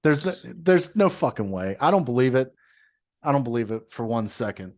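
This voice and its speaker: A man's voice: mid-range voice, animated, normal speed, darkish tone. A man co-hosting a podcast with a slight Texas twang, talking bluntly and profanely in casual chat. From moved to Texas. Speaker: podcast co-host.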